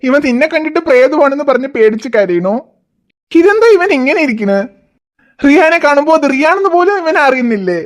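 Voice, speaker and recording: A woman's voice: high voice, very animated, fairly quick. A woman voicing a teasing, good-natured cartoon father who talks in a jokey, playfully bossy way. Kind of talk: cartoon voice acting.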